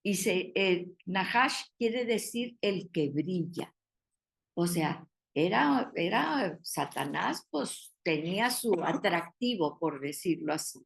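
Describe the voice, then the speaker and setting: Maestra de estudio bíblico, mujer con acento mexicano, habla pausada y hace preguntas al grupo. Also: female voice, on the low side, animated, gravelly. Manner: explains patiently, asks the group questions. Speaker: Bible study teacher. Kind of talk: Bible study teaching.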